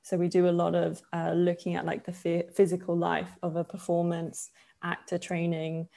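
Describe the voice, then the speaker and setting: This yoga teacher from Poland, in her twenties, is chatting loosely as a podcast guest in a casual interview. She speaks at a normal speed in a low, dark, mellow voice with a gravelly fry. Fillers and easy laughter run all through her relaxed talk.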